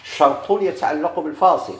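A man's voice: fairly high pitch, moderate pace, roomy sound. A man with a Moroccan accent teaching a grammar lesson, asking questions and answering them himself. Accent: Moroccan Arabic.

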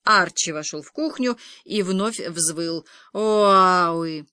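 A woman reading a comic novel aloud in lively first-person storytelling, doing the voices of the characters. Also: medium pitch, normal speed, dry recording. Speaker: audiobook reader.

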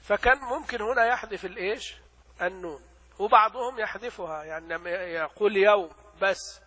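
A man with a high, bright voice gives a teaching lecture on a classical text. He poses questions and answers them himself, and drags out the worked examples slowly. The sound carries a long hall reverb. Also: breathy edge. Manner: explains by asking and answering his own questions, recites examples slowly. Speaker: religious teacher.

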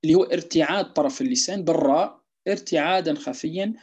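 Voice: mid-range voice, quick pace, darkish tone, breathy edge, dull audio. A tajweed teacher with a Tunisian Arabic accent explains a lesson and keeps checking the class with short questions. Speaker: Quran recitation teacher.

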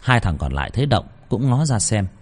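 A man narrating a horror story in a dramatic, lively storytelling manner. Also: lowish voice, brisk.

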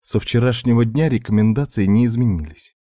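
A man voicing a tired, sharp-tongued young woman who is a doctor and a witch, snapping back indignantly. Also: mid-range voice, lively intonation, normal speed, no room sound, studio quality, pitched above the performer's own voice, lightly acted.

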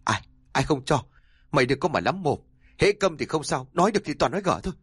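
A man voicing a desperate, quick-tempered old man who pleads and shouts in a strained, raised voice. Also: fairly high pitch, sing-song, slightly rough, no room sound, voice pushed up, full character voice. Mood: furious.

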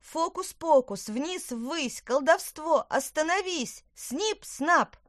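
A woman's voice: on the high side, lively intonation, moderate pace, darkish tone, no echo, clean studio sound, pitched above the performer's own voice, natural voice. A woman voicing a cheerful, caring female apple-tree witch in a storybook reading. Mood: urgent.

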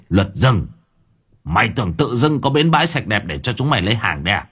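Swaggering male gang boss, mocking, husky, lively delivery, voiced by a man. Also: on the low side, moderate pace, heavily acted. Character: tough middle-aged male gang boss, cocky.

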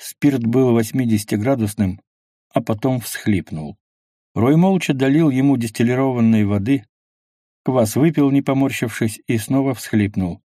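Male narrator, audiobook, steady reading, middle pitch, dry sound. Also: moderate pace, dry recording.

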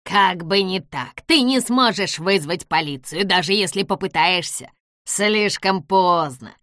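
A woman's voice: mid-range voice, normal speed, dry recording, clean studio sound, natural voice. A woman voicing a spiteful little old man. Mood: gloating. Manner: shouting, gloating, cackling.

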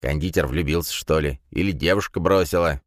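A man's voice: a bass voice, brisk, no echo, clean studio sound. Man doing a grumbling, skeptical professor. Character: grumbling middle-aged male professor of artifacts.

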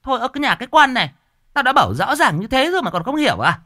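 A man voicing a shrill, bossy middle-aged female village medium who talks down to people. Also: sing-song, normal speed, pushed and bright, no echo, clean studio sound, exaggerated voice. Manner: brusque, scolding, self-important.

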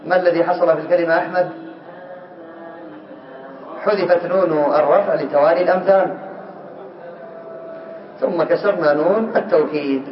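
A male teacher giving a grammar lesson to a class, asking questions, calling on students by name and slowly repeating word forms. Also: on the high side. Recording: echoey room, muffled lo-fi sound.

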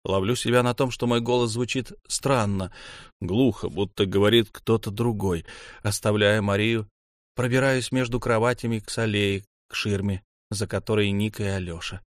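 A man's voice: on the low side, fairly even intonation, normal speed, dry recording. A man narrating a novel in the first person, tense and urgent, close to the mic. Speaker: audiobook narrator.

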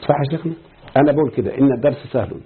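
A man with an Egyptian Arabic accent teaches a grammar lesson at a very fast clip, his voice at a medium pitch. He explains step by step and quizzes his students, captured in a tinny, phone-like lo-fi recording.

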